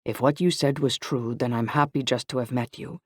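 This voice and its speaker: A man reading an audiobook, voicing an earnest young man who speaks softly and slowly. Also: mid-range voice, no echo, clean studio sound, lightly acted. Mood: tender. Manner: soft-spoken and slow. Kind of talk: audiobook character voice.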